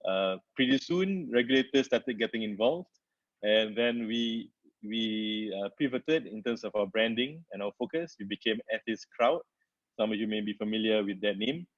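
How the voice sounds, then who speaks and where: Male founder, lower voice, halting webinar delivery full of fillers, dry muffled home-mic sound. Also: animated, no room sound. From Singapore. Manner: halting, with frequent "uh" fillers and restarts. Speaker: company founder presenting a webinar. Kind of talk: webinar presentation. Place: his home. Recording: dull, dry webinar audio.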